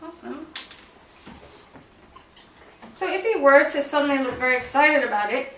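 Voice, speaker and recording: Woman dog trainer, bright and high, recorded roomy from a distance in a house. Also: fast, a little hiss or hum. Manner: calm explaining, soft praise to the dog. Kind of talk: instructional demonstration. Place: indoors in a house.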